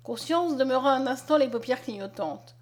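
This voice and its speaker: A woman narrating a classic novel aloud in a steady, measured reading voice. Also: high-pitched. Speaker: audiobook reader. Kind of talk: storytelling narration.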